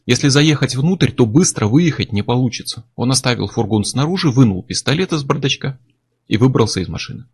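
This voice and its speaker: A male audiobook narrator with a husky voice at a middle pitch. He reads in a measured, dramatic way.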